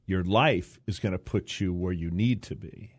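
A man's voice: low voice, moderate pace, husky, no echo, studio quality. An older man, a guest in a casual interview, telling stories in a rambling way with many fillers and restarts. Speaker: interview guest, university board president.

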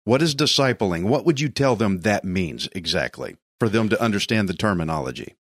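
A man's voice: fairly low pitch, lively intonation, brisk, dry recording, studio quality. A man hosting a faith talk show, interviewing a guest in an encouraging, affirming way.

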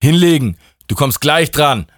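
A man's voice: fairly low pitch, lively intonation, moderate pace, no room sound, natural voice. Man reading as a sloppy, careless God from a spoken story, casual and flustered, slightly raised voice, dry close sound. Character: laid-back slangy male God, sloppy and careless.

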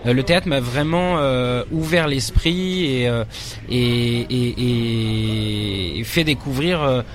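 Taking it slowly, a young stage actor and director from France answers interview questions in a hesitant way, full of fillers, pauses, and restarted sentences. He speaks at a typical middle pitch for a man.

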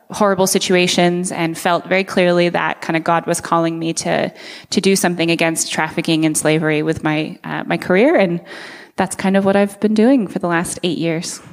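American woman in her 30s giving a church talk, friendly, lots of uhs, long echo from a big hall. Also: fairly low pitch. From United States. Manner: earnest, friendly, with many filler uhs. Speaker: nonprofit speaker at a church. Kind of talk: presentation to a church congregation.

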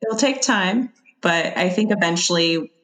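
A woman with a slightly low voice chats as a podcast guest. She is informal and somewhat tentative, working out her thoughts aloud in an everyday conversational style. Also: measured pace, a bit bright. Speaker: podcast guest, freelance video editor.

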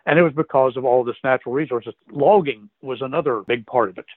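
A man from West Virginia, a guest historian, telling history in a measured, explanatory way. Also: medium pitch, no echo. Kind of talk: history interview storytelling. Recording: tinny phone-like line, dry.

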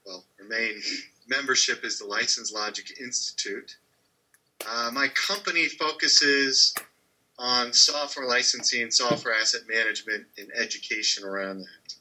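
A man's voice: mid-range voice, fairly even intonation, normal speed, pushed and bright, low-quality recording. A man speaking as a podcast guest, earnestly explaining his work with a few uhs and ums. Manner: earnest, explanatory, uses fillers. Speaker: guest, training company head. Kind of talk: casual podcast interview.

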